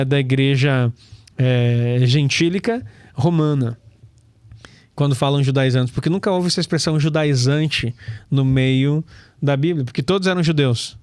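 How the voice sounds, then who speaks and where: This Brazilian man is a pastor and Torah teacher who teaches scripture in a relaxed, chatty style, laughing often and addressing listeners as brother. His voice sits a little high, with a darkish, clear, resonant tone and no room sound.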